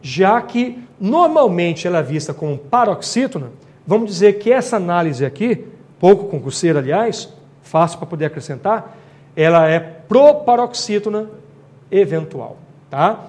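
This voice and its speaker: Male teacher, high-pitched, patient explainer for an exam-prep class. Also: big pitch swings, moderate pace, a little mellow. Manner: explanatory, checks in with tag questions. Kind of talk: exam-prep grammar lecture.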